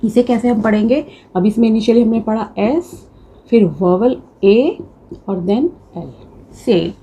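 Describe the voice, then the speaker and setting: A woman's voice: on the high side, unhurried, warm tone. A young woman teaching a shorthand class, patiently explaining step by step and mixing in English terms. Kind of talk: classroom lecture.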